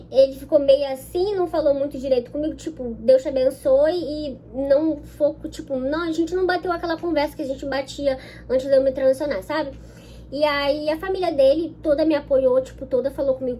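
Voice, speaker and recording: A young woman with a Brazilian Portuguese accent talks straight to her viewers, telling a personal story in a loose, chatty way. Her voice sits high yet sounds soft and mellow. There is a faint hum of background noise. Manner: chatty, keeps checking in with listeners. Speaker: vlogger.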